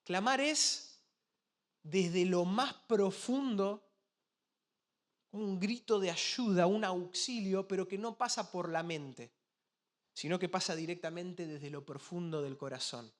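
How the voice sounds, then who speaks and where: A man preaching a sermon with a Rioplatense Spanish accent, asking many rhetorical questions and swinging between soft and loud passages. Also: sits high, slow pace. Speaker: pastor.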